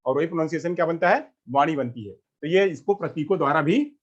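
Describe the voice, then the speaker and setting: A man's voice: on the high side, brisk. A male teacher giving a lecture, asking questions and answering them himself, with lots of repetition. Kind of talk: classroom lecture. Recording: lo-fi muffled recording.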